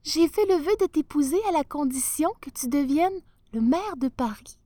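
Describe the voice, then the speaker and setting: A woman's voice: high voice, expressive, moderate pace, warm tone, no echo, voice pushed up. A woman voicing a playful young woman with a light, teasing manner.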